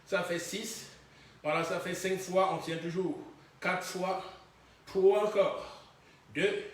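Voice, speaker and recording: A man leading a Pilates class, counting reps and giving calm encouraging cues. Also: high voice, measured pace, distant mic. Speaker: Pilates instructor. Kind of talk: guiding a fitness class. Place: fitness studio, indoors. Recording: very echoey gym room from afar.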